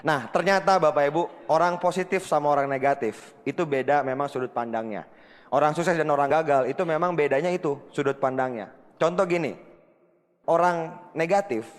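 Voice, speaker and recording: A man giving a motivational seminar talk, telling a story and acting out the voices of people in it while speaking straight to the audience. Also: a little high. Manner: animated, addresses the audience again and again, acts out quoted dialogue. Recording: long reverb of a hall.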